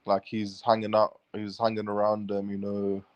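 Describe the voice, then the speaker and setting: A man's voice: fairly low pitch, completely flat delivery, normal speed, smooth, no room sound, muffled recording. A man recounting a run-in to his vlog viewers in a casual, swearing, run-on style. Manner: swears freely, restless run-on sentences. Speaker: vlogger. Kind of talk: casual rambling storytelling.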